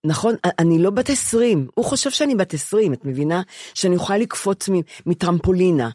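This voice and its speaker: A woman's voice: lowish voice, lively intonation, warm tone, dry recording, clean studio sound. A woman in her seventies talking candidly as a podcast co-host, often stopping to restart and repeat words. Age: 70s. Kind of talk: candid conversation.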